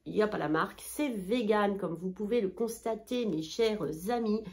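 A woman's voice: mid-range voice, moderate pace, darkish tone. A woman filming a chatty haul vlog indoors under a ring light, bubbly and self-mocking as she talks straight to her viewers. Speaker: haul vlogger, mother of two daughters.

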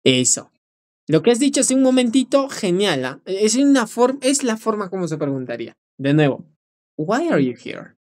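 A woman teaching a live online English lesson, drilling phrases slowly and encouraging her students. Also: mid-range voice, sing-song, darkish tone.

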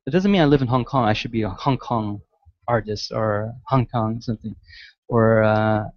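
Man, guest architect, audience Q&A, halting speech, many fillers, dull low-fi audio. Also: no room sound. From Malaysia, raised in the United States. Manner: hesitant, many restarts and fillers. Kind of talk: answering audience questions at a lecture. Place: large lecture hall.

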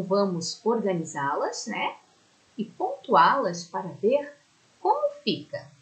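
A woman's voice: medium pitch, rough recording. A Brazilian woman teaching a primary school lesson in a recorded remote class. She talks affectionately and explains step by step, often checking in with her pupils. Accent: Brazilian Portuguese.

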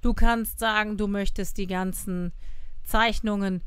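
A woman's voice: medium pitch, steady tone, measured pace, clear, resonant tone, no echo. A woman trainer giving a casual, chatty tutorial, often acting out what participants might say. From Germany. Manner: chatty, acts out quoted participants. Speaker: online trainer.

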